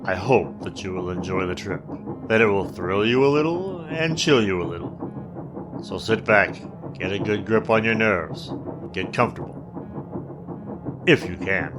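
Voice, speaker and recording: A man's voice: lowish voice, animated, a little slow, long pauses, over music. A man playing a sinister, teasing storyteller who hosts an old-time radio horror tale with theatrical, wry delivery. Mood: ominous, inviting. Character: sinister, teasing male mysterious storyteller of eerie tales. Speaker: host narrator.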